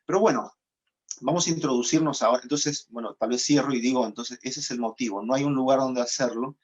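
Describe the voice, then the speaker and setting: A man in the middle pitch range delivers a sermon as a pastor, explaining things step by step in a patient teaching tone. He often pauses on fillers. The recording sounds a little dull.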